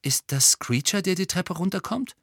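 Male reader as a defensive, uneasy teen boy; lifted pitch, close dry read. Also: animated, moderate pace, creaky, fairly bright tone, no room sound, full character voice. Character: teenage wizard boy, guarded and uneasy.

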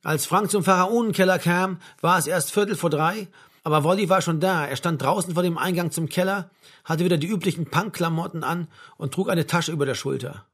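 A male narrator with a husky, breathy voice sitting a bit high for a man. He reads a novel in a measured, wry way, drawing out long sentences. Steady, unhurried audiobook delivery.

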